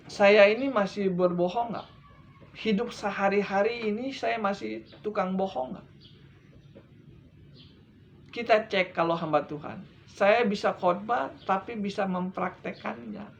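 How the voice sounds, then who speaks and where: A middle-aged male evangelist delivering a sermon, pushing his voice up loud for emphasis and then sinking to low, hushed endings. The recording sounds a little dull and lo-fi, with a faint hiss behind him. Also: measured pace, creaky. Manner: emphatic, rising and dropping sharply for stress. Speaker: evangelist preacher.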